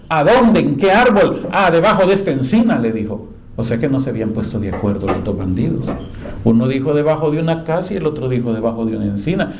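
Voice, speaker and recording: A man preaching a sermon to a small group, telling Bible stories and voicing the quoted speakers with lively emphasis. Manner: animated storyteller, acts out quoted speakers in a higher voice. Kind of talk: sermon, Bible class storytelling. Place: church meeting room with a live group.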